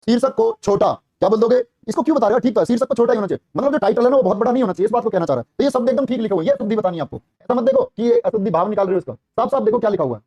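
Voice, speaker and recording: A man teaching a live online class for a police exam. He quizzes students rapidly, repeats each answer and praises them warmly, calling them brother and child. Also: high-pitched, lively intonation, dry recording, highs cut off.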